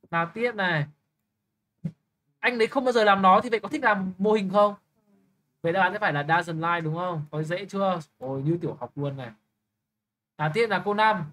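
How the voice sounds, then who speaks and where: A young man tutoring English, briskly quizzing a student with quick questions and blunt, teasing remarks. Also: sits high, a bit bright, slight background noise. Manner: brisk, keeps checking understanding with quick questions. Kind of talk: live tutoring lesson.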